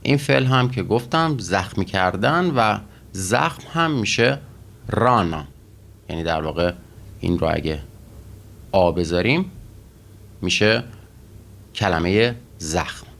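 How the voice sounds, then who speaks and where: A man with a fairly low voice teaches a language lesson. He works through each word methodically, stopping often with fillers before moving on. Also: animated, gravelly, a bit bright. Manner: methodical, with frequent pauses and fillers. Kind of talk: explaining vocabulary and grammar.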